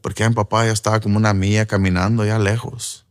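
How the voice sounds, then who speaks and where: A man's voice: lowish voice, little pitch movement, fast. A man giving an earnest personal testimony as a preacher, slipping in English fillers. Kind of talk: emotional first-person testimony.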